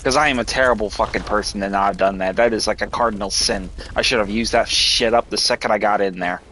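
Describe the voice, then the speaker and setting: A man's voice: lowish voice, steady tone, quick pace, sharp tone, slight background noise. A man streaming a video game, giving live commentary while frustrated, swearing often and stumbling over restarts. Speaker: gameplay streamer.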